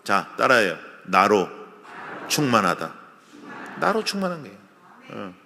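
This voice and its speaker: Gravelly lively Korean preacher in church hall. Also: male voice, lowish voice, measured pace, a little hiss or hum. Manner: lively, conversational preaching with acted-out asides. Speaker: guest revival preacher. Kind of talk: sermon. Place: large church sanctuary. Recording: long church hall reverb.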